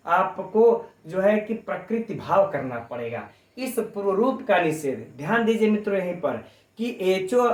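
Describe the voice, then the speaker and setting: A man with a high voice teaching a grammar class for exam preparation. He breaks each rule down step by step, keeps calling his students friends and puts questions to them. The sound is echoey, as in a bare room. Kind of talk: exam coaching lecture.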